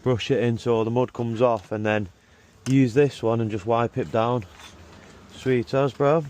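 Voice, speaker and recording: Working man, casual and matey with slangy speech, giving relaxed instructions over background vehicle noise. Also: medium pitch, a little slow. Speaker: car detailer filming and instructing a young helper. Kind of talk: casual chat while working. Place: in and around a vehicle being cleaned.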